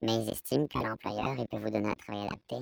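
A man with a Belgian French accent giving a hesitant, explanatory testimony, his voice artificially pitched down to disguise it. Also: fairly even intonation, fast, gravelly, no echo, studio quality. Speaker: anonymous interviewee giving testimony. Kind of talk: personal testimony in an interview.

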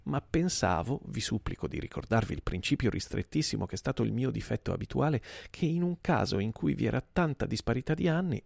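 A man voicing an older, guilt-ridden gentleman who pleads hesitantly in a trembling voice. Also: mid-range voice, animated, a little fast, gravelly, few pauses, dry recording, studio quality, voice pushed up. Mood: pleading.

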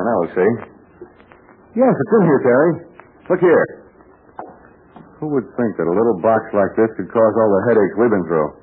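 An actor playing a grown American adventurer and troubleshooter, a young hero's pal, in a 1940s radio serial. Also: male voice, mid-range voice, natural voice. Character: Pat Ryan, husky adult troubleshooting adventurer, Terry's pal. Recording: noisy, tinny old radio recording.

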